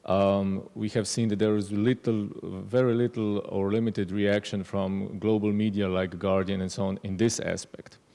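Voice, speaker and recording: A man in his thirties, a panelist with a journalism background, asking long, measured questions into a handheld mic at a panel discussion. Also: fairly low pitch, little pitch movement, gravelly, warm tone. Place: lecture hall stage panel. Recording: long hall reverb.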